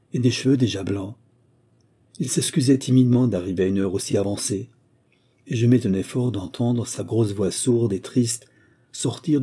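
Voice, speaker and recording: A man reading a classic story aloud as an audiobook narrator, calm and measured. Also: on the low side, breathy edge.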